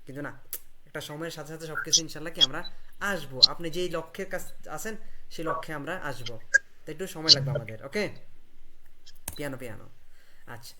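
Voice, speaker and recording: A man's voice: on the high side, fairly quick, pauses often, pushed and bright. A man teaching a language class, patiently drilling pronunciation and quizzing his students.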